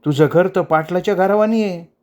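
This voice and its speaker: A man voicing a small, curious and outspoken village girl in a raised childlike pitch for a storytelling reading. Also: moderate pace, natural voice.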